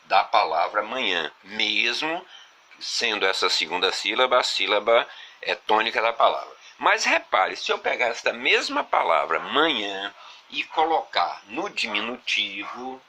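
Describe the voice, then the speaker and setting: A man teaching a grammar video lesson, explaining slowly and repeating examples with small fillers. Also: on the low side, big pitch swings, sharp tone, slight background noise.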